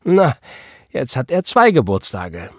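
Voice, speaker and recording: A man's voice: mid-range voice, very animated, a little slow, a little mellow, husky, no room sound, studio quality, voice pushed up. A man voicing a fervent churchwoman who speaks pious, emphatic lines with a raised voice. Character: fervent churchwoman, loud and exclaiming.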